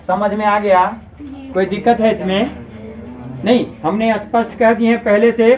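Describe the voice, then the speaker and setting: A man's voice: sits high, muffled recording. A male teacher giving a grammar lesson to a class. He keeps asking questions and repeating the answers as drills.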